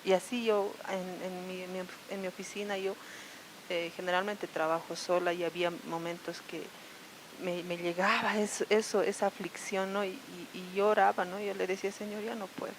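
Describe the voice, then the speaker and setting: A church member with a La Paz Bolivian Spanish accent gives a personal testimony at a prayer service, speaking earnestly and haltingly, often restarting and ending sentences with tag questions. Her fairly low voice has little pitch movement. The low-quality recording carries a faint hiss.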